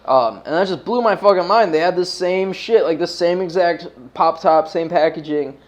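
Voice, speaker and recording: At normal speed, an American man with a somewhat high voice runs a casual livestream, sounding mellow and stoned, heavy on slang and never shy about swearing.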